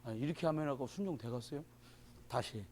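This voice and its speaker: A man in his fifties preaching a sermon, swinging from loud declarations to muttered asides as he acts out little scenes. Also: mid-range voice, a little fast. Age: 50s. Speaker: pastor.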